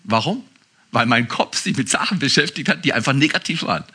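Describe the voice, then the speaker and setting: Husky-voiced man preaching, bright edge. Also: medium pitch, animated, brisk. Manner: swings between emphatic outbursts and quiet asides; conversational preaching with direct questions to listeners. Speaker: pastor. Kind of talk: sermon.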